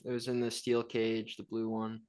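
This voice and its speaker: A man's voice: on the low side, completely flat delivery, moderate pace, a little mellow, clean tone. A man co-hosting a podcast in casual chat, blunt and joking with crude language. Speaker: podcast co-host.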